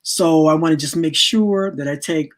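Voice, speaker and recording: Speaking at a moderate pace in a low voice, a woman in her late sixties leads a relaxed wellness workshop as a spiritual teacher. She chats with her audience, often repeating words as she hunts for what to say.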